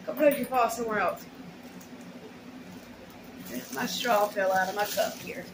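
A middle-aged woman talks a little fast in a medium-pitched voice, unboxing her haul in a small room at home. Her tone is chatty, colloquial and down-home. The clip comes from a noisy home camera recording.

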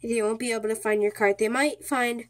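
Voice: mid-range voice, level tone, brisk. A speaker giving a casual, step-by-step card trick tutorial in an informal, repetitive way, often checking in with the listener. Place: indoors at a small table.

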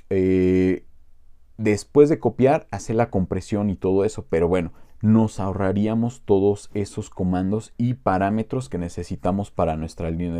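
A tech tutorial host with a Mexican Spanish accent and a fairly low-pitched voice casually walks viewers through a piece of software. He rambles, using many fillers and asides.

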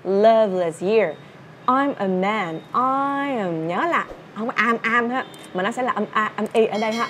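A woman's voice: on the high side, fairly quick, hardly any pauses, pushed and bright, a little hiss or hum. A young woman with a Vietnamese accent teaching English through a song, explaining words and drilling pronunciation.

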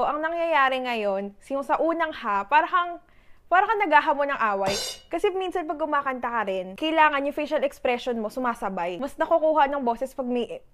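A woman's voice: high-pitched, expressive, normal speed, a bit bright. A young woman with a Filipino accent, chatting playfully and poking fun at herself in a casual vlog. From Philippines. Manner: chatty, playful, self-deprecating. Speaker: YouTuber. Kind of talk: casual vlog talk, Taglish.

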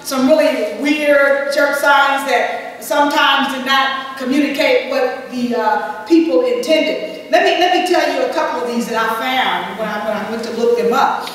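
A woman pastor preaching a sermon, slow and emphatic, calling out "Amen?" to the congregation. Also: sits high, a bit bright. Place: church sanctuary. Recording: echoey church sanctuary from far off with faint hum.

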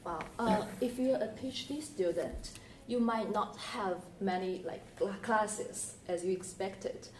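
A woman speaking on a university panel in a plain, slightly halting way. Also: medium pitch, a little hiss or hum. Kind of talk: panel discussion answers. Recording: distant mic in echoey room.

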